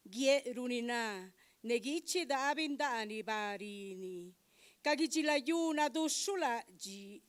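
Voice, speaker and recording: High-voiced woman reading poetry slowly. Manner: slow and deliberate reading. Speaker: poetry reader. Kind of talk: recited poetry. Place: legislative chamber event.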